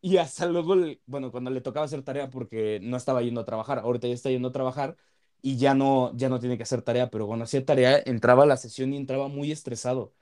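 Earnest young man, mellow voice. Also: mid-range voice, steady tone. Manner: earnest, halting, moved. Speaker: law student. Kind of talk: casual conversation.

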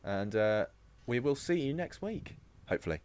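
A man's voice: mid-range voice, big pitch swings, normal speed, background noise. A man hosting a casual podcast, chatty and jokey, often laughing and restarting his sentences. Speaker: podcast host.

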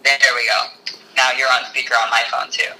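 Brief: male co-host on speakerphone, sharp tinny tone, faint line hiss, rambling and laughing. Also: medium pitch, flat delivery, normal speed. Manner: chatty, rambling, laughs often. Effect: on speakerphone over a phone call. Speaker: podcast co-host. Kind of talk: casual chat.

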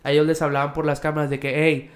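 A man's voice: a little high, little pitch movement, quick pace. Slangy Mexican man, rambling casual chat. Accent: Mexican Spanish. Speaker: podcast co-host.

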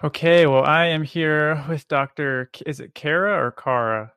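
A man's voice: fairly high pitch, moderate pace, vocal fry. A man hosting a podcast, reading a scripted intro and then chatting casually with fillers while interviewing a guest. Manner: casual, relaxed with filler words. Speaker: podcast host. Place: home.

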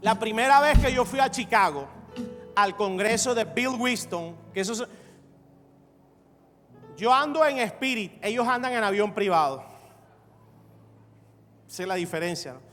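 A male pastor delivering an evangelical sermon, emphatic and repetitive, building to shouts. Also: sits high, lively intonation, measured pace, long pauses. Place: church sanctuary. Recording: reverberant hall with faint music.

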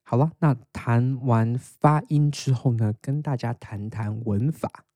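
A young podcast host with a Taiwanese Mandarin accent casually and patiently explains how he learns English, then reads English lines aloud as a shadowing drill. His medium-pitched voice is dark and measured, with no room sound.

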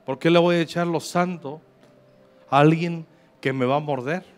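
A man's voice: fairly high pitch, steady tone, normal speed. A Mexican man in his fifties, a pastor preaching to a congregation in a joking, slangy, conversational way and reading scripture aloud. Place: church service.

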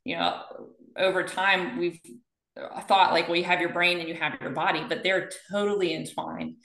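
A woman's voice: lowish voice, fairly even intonation, normal speed, fairly bright tone. A woman physical therapist being interviewed, telling stories with energy and acting out the quoted dialogue. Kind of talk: conversational interview. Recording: echoey room.

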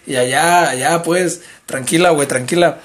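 A young Mexican man hosts a livestream, speaking Spanish with a Mexican accent in a loose, gossipy chat. His voice sits high for a man, and he gets animated as he retells stories. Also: moderate pace. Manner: animated, acts out others in high mimicking voices. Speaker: livestream host.

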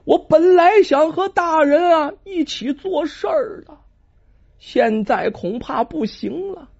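A storyteller voicing a dying orphaned beggar boy who pleads slowly and tearfully in a faint, breathless voice, on a dull lo-fi recording. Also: sits high, lively intonation, vocal fry, a little mellow, voice pushed up, exaggerated voice. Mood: weak pleading.

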